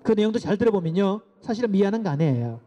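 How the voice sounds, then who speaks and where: A middle-aged man giving a lecture to parents, lively and asking the audience to repeat phrases after him. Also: high-pitched, fast talker. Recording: dull lo-fi lecture recording.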